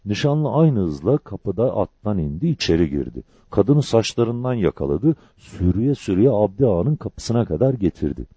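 A man narrates a novel with measured, expressive storytelling and a lively, rising and falling delivery. His voice is mellow and breathy. The recording is dull and dry, as on an old audiobook. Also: lowish voice, dry recording.

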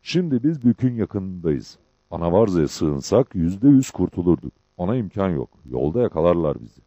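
A huge, hot-tempered bandit sergeant, as a male storyteller puts him on, barking orders in a low, husky voice that swings wildly up and down. He is wounded and loud, crying out in pain. The audiobook recording is dry and dull. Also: sing-song, normal speed, no room sound, heavily acted. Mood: commanding.

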